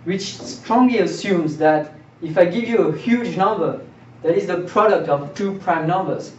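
A man's voice: on the high side, a little mellow. A young man giving a math seminar lecture in a classroom, explaining step by step and often restarting and repeating his words. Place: lecture room with projector screen. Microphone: far camera, no mic. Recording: roomy, distant, dull camera audio with faint hiss.

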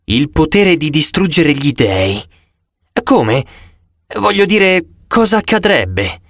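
A blunt, wary teenage girl, as a man reads her, pitched a little above the narrator with an animated, expressive swing. She sounds close and dry on the mic. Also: slow, no room sound, exaggerated voice. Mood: stunned.

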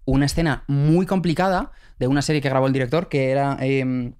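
Fast-talking young man telling stories. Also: medium pitch, smooth. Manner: animated, breathless storyteller with many restarts. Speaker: podcast co-host and actor. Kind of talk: casual storytelling chat.

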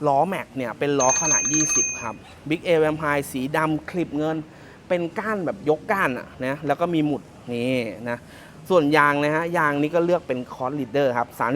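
Chatty Thai car salesman, a bit high. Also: a little hiss or hum. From Thailand. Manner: chatty and joking, repeats phrases. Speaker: car salesman presenting a pickup. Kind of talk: casual walkaround car presentation.

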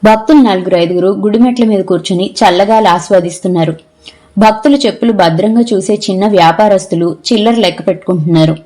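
A woman narrating a novel in an audiobook, telling the story in a measured, expressive way. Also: mid-range voice. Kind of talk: scripted narration.

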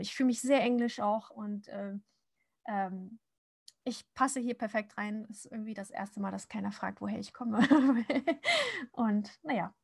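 Drawing on stream, a woman from Japan in her 30s, who works as a comic artist, casually fields questions from viewers in a slightly high voice. Her talk wanders, peppered with laughs, fillers and false starts, and the close desk-mic sound is dry, with no room sound.

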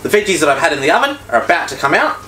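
A man's voice: a little high, sing-song, very fast, bright, forceful tone, reverberant, a little hiss or hum, rough recording. A man talking through a cooking demonstration, with chatty, upbeat, step-by-step instructions. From Australia. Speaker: cooking vlogger.

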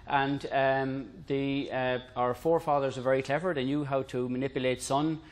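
A middle-aged man from Ireland gives an informal lecture introducing a technical concept, speaking at an average pitch with a steady tone and normal speed. He keeps it conversational with light, dry humor, explaining ideas plainly to the room.

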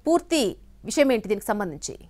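A woman news anchor handing over to a reporter with a brisk question. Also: mid-range voice, big pitch swings, background noise.

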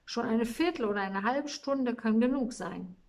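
A woman's voice: on the high side, moderate pace, darkish tone, lightly acted. A woman voicing a friendly male shepherd who speaks plainly and practically. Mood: steady.

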